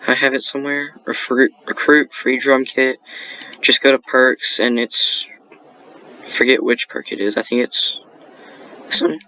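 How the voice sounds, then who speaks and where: Bright-voiced young man explaining beats. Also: medium pitch, little pitch movement, a little slow, slight background noise. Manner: rambling, many fillers and self-corrections. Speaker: beat-making tutorial host. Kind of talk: casual screen-recorded tutorial.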